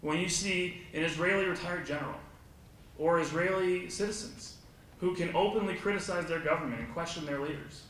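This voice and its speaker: A man on a conference panel arguing forcefully and with sarcasm. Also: on the high side, brisk, slight background noise. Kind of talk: panel discussion argument. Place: conference hall. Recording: echoey hall, far from mic.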